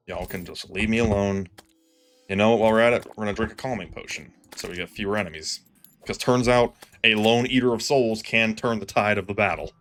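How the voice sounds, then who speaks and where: Gaming streamer, male, lowish voice, self-mocking play-by-play, faint game music behind. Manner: self-deprecating, excitable, groans and pleads at the game. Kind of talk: live gameplay commentary.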